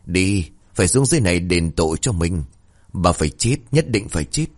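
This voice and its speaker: A man's voice: low-pitched, big pitch swings, fairly quick. A man voicing a vengeful drowned child ghost in a spoken horror story, whimpering and menacing.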